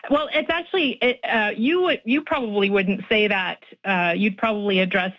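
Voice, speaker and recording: In a lo-fi radio interview, a woman linguist explains her research in a medium-pitched voice at normal speed. She's thoughtful, laughs easily, and restarts and uses fillers often.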